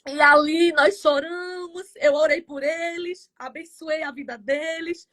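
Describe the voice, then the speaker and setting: A woman pastor with a Brazilian Portuguese accent, giving a fervent faith testimony on a live stream, swinging between loud cries and soft passages. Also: high voice, fairly even intonation, unhurried. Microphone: phone or video call on a live stream.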